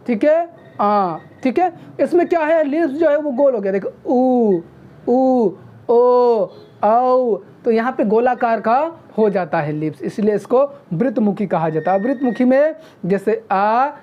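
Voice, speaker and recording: A woman teaching a video grammar lesson, who often checks in with "okay?" and sounds out vowels slowly. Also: on the high side. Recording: dull lo-fi recording.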